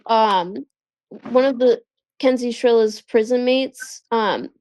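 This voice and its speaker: Brief: woman co-host, casual gossip chat, slightly higher voice, dry room. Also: takes it slowly, darkish tone, dry recording. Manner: chatty, filler-heavy retelling of gossip.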